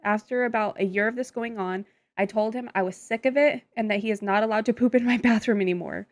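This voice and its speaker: A woman's voice: fairly high pitch, fast. Blunt, joking woman podcast co-host. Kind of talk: casual chat and reading stories aloud.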